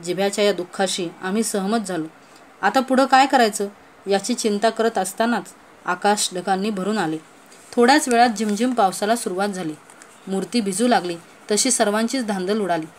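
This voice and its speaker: A woman reading a children's story aloud with steady, expressive storytelling. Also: medium pitch, moderate pace. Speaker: story reader. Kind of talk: storybook narration read aloud.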